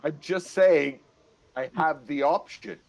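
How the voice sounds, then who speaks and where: A man's voice: a little high, slow. A man in his forties, bantering and joking in a casual chat. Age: 40s.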